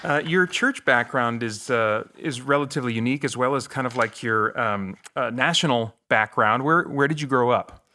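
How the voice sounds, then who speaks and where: A man's voice: medium pitch, moderate pace, pushed and bright. An American man around forty hosting a casual podcast, chatting and interviewing in a rambling, self-deprecating, jokey way. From United States. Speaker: podcast host.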